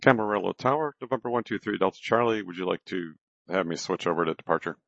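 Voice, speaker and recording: A man's voice: low-pitched, fairly even intonation, fast talker, vocal fry, a bit bright, no room sound. A man talking as a pilot over a cockpit headset radio, making clipped, methodical radio calls and readbacks with small hesitations. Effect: pilot transmitting over a cockpit headset radio. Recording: dull, dry radio transmission.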